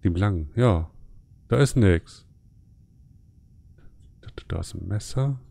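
A man's voice: low-pitched, lively intonation, slow, gravelly, mellow. A man casually commenting on a horror game during a live stream, joking and chatting with his viewers.

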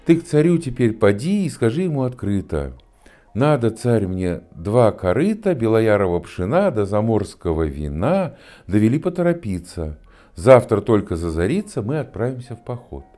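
A man in his sixties voicing a small, wise humpbacked horse who speaks softly and comfortingly. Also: on the low side, big pitch swings, moderate pace, soft background music. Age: 60s. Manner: soft, comforting.

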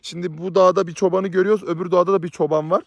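A man's voice: high-pitched, steady tone, racing, gravelly, no room sound. Playful, teasing man vlogging outdoors. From Southeast Turkey. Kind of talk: casual vlog chat. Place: outdoors in a rural village with livestock.

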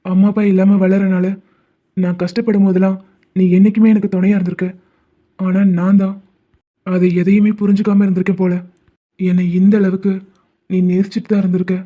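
A man's voice: high-pitched, flat delivery, fairly quick, long pauses. A man voicing a sensitive young student who grew up without parents, in a cartoon. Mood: sorrowful. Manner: pleading, tearful. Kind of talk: animated cartoon voice acting. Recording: tinny phone-like sound.

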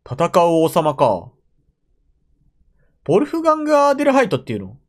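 Young japanese guy reacting to a show at home, mumbles to himself, lots of oohs, voice jumps around, a bit high. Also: huge pitch swings, fairly quick. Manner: muttering to himself with frequent exclamations. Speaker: anime reaction streamer. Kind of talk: live reaction commentary. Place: room at home, seated in a gaming chair.

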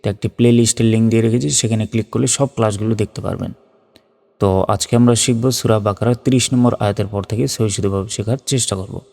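A man teaching Quran reading, spelling out letters and vowel marks one by one and then chanting each word slowly. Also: fairly low pitch, steady tone, creaky, a little mellow, big-room sound. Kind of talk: step-by-step recitation lesson.

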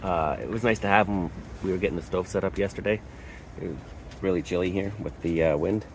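A man from Canada giving a casual tour of his camping setup inside a hot tent, pausing often with uh and restarting sentences. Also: sits low, slight background noise. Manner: halting, lots of uh and restarts. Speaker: camping vlogger.

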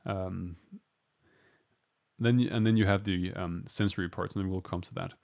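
A man's voice: deep voice, fairly even intonation, moderate pace, gravelly, a little mellow. A man giving an informal medical lecture, hesitant with many fillers and restarts. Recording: dull lo-fi recording.

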